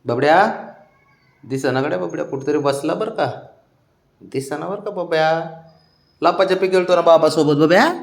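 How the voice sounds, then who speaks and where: A man's voice: fairly high pitch, moderate pace, vocal fry, pauses often. A man talking to his pet cat in coaxing, sing-song baby talk, repeating soothing words.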